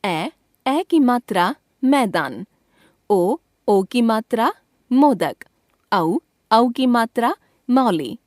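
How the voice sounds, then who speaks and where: A woman teaching from a school textbook, reading it out slowly and deliberately, spelling out each letter and example. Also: fairly high pitch, animated, darkish tone, no echo, studio quality.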